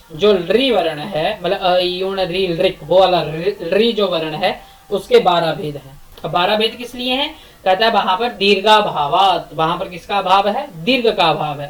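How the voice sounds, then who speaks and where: A woman lecturing on Sanskrit grammar in a recorded lesson, working through each rule step by step. She repeats key terms and poses rhetorical questions. Verses get a steady, measured chant. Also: medium pitch, low-quality recording.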